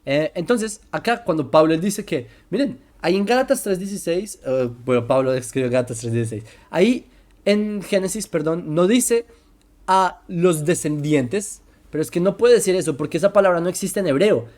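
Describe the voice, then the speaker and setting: A presenter explaining religious texts in a commentary lesson, slowing down to spell out terms and often asking whether listeners follow. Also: mid-range voice, lively intonation, a little mellow. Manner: keeps checking listeners follow, asking "right?"; slows down to spell out terms and examples.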